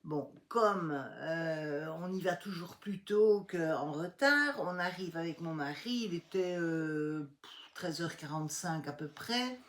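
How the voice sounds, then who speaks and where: A middle-aged woman telling a personal story in a casual vlog, acting out the lines of the people involved. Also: takes it slowly. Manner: animated retelling, acting out dialogue with rising pitch. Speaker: vlogger.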